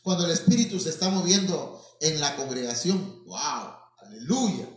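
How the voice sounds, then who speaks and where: Brief: male pastor, higher voice, preaching from far off in a very echoey hall. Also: sing-song, moderate pace. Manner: addresses listeners as brothers, many fillers. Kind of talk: sermon with storytelling.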